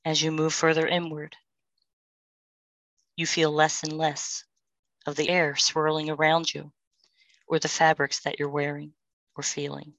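Woman guiding a prayer meditation, low steady voice, dry close sound. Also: no room sound, poor audio. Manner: slow, soothing, calm instructions with pauses. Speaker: meditation guide.

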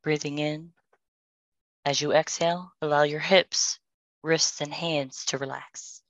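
Low, flat, calm woman guiding meditation. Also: no room sound, rough recording. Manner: slow, soothing, calm instructions with pauses. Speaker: meditation guide.

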